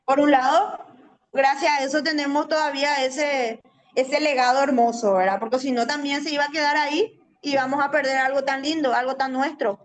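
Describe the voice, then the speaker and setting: A woman's voice: sits high, fairly even intonation, moderate pace. A woman from Paraguay with a Paraguayan Spanish accent, a Guaraní teacher answering radio interview questions in an explanatory way that keeps tagging "¿verdad?". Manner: explanatory, often adds "¿verdad?". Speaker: guest, Guaraní language teacher.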